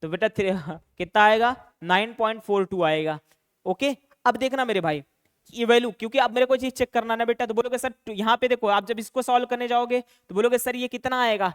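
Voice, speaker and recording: In this clean studio recording without echo, a young tutor gives an online maths exam-prep class at a quick, conversational clip. His voice is very high-pitched with a clean tone. He addresses students as "beta" and "bhaiya" and answers the questions he poses himself.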